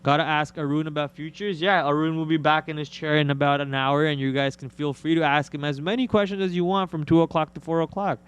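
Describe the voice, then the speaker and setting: Man, higher-pitched, clear resonant voice, stream host, casual market commentary, slangy banter. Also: fairly even intonation, fast talker, hardly any pauses, a bit bright. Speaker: live stream trading host. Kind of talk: casual market commentary, answering viewer questions.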